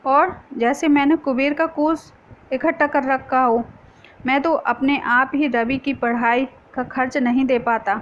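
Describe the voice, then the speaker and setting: A woman's voice: high voice, steady tone, unhurried. A woman reading the part of a stern elderly man who heads a family, scolding as she reads. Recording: dull lo-fi recording.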